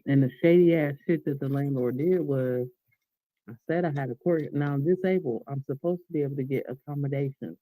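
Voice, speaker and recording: A man's voice: medium pitch, a little fast, warm tone, no room sound, poor audio. An American man in a casual, rambling vlog monologue, talking with his mouth full, colloquial and unguarded, often trailing off. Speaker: vlogger.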